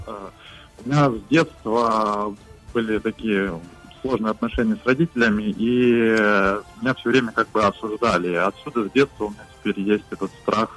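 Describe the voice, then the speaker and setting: A man in his late twenties calls in to a radio advice show. His voice sits low and he talks hesitantly, with many pauses. Faint music runs behind the call. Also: a bit bright, rough recording. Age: late 20s. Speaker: caller. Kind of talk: phone-in question.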